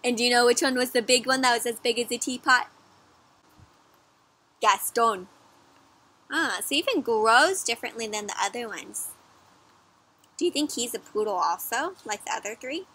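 Hosting a story time for kids out on a patio or in a garden, this young adult woman has a high, bright voice with a breathy edge. She is animated and expressive, pitching her words to small children and asking them questions, at a moderate pace broken by long pauses.

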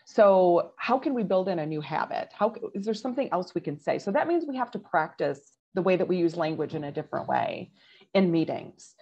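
Husky low-voiced woman coach in her forties. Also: big pitch swings, muffled recording. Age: 40s. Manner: earnest, emphatic, quick bursts. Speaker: leadership coach. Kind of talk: podcast interview.

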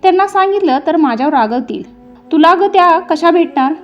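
A woman's voice: extremely high pitch, lively intonation, normal speed, lo-fi sound, faint music behind, pitched above the performer's own voice. A woman voicing a timid young palace maid who speaks anxiously in a storybook telling. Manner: questioning, pleading.

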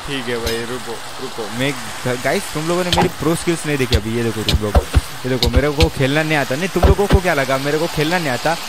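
A young man talking casually on a live game stream, excitable, joking and pleading with the other players. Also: medium pitch, quick pace, heavy background noise. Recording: game music playing behind the voice.

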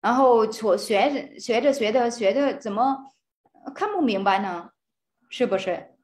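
A woman's voice: a little high, animated, measured pace, a little mellow. Hesitant woman teaching a Buddhist lesson. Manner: hesitant, repeats words and restarts, frequent fillers, chuckles; asks listeners rhetorical questions. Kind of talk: casual spoken Dharma lesson.

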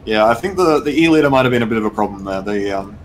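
A man doing play-by-play esports commentary, rambling and excitable, with lots of fillers. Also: fairly low pitch, racing, slight background noise. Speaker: esports caster. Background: background music.

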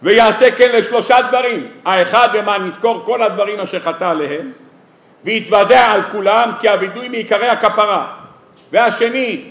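Lively high-voiced rabbi in an echoey hall. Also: male voice. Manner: lively, humorous, rhetorical questions, acts out everyday dialogues. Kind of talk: weekly Torah sermon to an audience. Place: lecture hall or synagogue.

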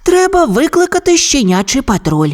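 A woman putting on a fussy small-town lady mayor who panics easily and cries out high and anxious. It is a cartoon-style storybook voice for a children's audio tale, lively and swooping. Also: normal speed. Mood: flustered.

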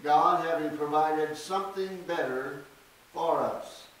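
An older man preaching a sermon at a church podium, reading scripture slowly and deliberately with emphatic stresses. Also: a little high, a bit bright. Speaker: pastor. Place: small church sanctuary. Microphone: podium mic from a distance. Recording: echoey church, distant mic, faint hiss.

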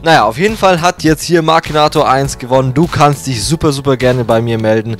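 Casting: young male YouTube host, mid-pitched, upbeat and slangy giveaway announcer, music underneath. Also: a little fast. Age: young adult. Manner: enthusiastic, informal youth slang. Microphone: handheld microphone held close to the mouth. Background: background music.

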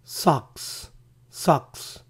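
During a vocabulary quiz lesson, a male teacher carefully and slowly repeats each English word. His voice is still not fully back to normal.

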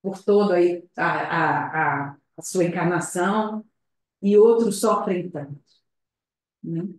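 Woman, lowish voice, spiritist lecture over a video call, slow and hesitant, heavy room echo. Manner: slow, reflective, hesitant, with frequent tag questions. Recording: very echoey room.

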